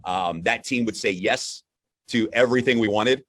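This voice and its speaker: A man with a fairly low voice hosts a live online broadcast. His delivery is conversational and upbeat, with halting phrases and repeated words. The sound is dry, with little room in it. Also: fairly bright tone, no room sound. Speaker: host.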